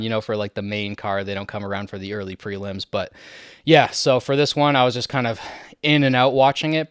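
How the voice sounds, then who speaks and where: A young Canadian man talks through fight results in a loose, chatty way, chuckling often between points. His voice is smooth and clear, and the recording is dry and close with no room sound. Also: medium pitch, dry recording. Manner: chatty, laughs often, many fillers. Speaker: MMA fight commentator. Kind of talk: casual fight breakdown.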